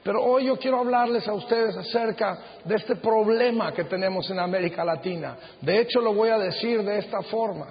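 Male preacher, middle-aged, high-pitched, earnest and measured; muffled recording with long reverb from a big auditorium. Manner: earnest, measured preaching with slow emphatic phrases. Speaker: pastor. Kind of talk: sermon. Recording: dull sound with long hall reverb.

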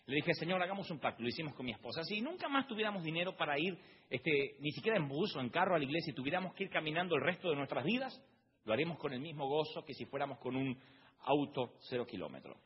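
Husky preacher in a reverberant hall. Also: male voice, fairly high pitch, fast. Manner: animated, comic, bursts into loud exclaims. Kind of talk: humorous sermon storytelling. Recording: muffled audio with long hall reverb.

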